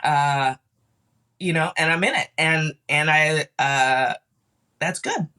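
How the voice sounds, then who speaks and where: Woman talking thru grief, stops and restarts a lot, bright voice. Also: low-pitched. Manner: tearful, halting, many restarts. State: grieving, cried off and on. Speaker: podcast guest. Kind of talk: casual chat.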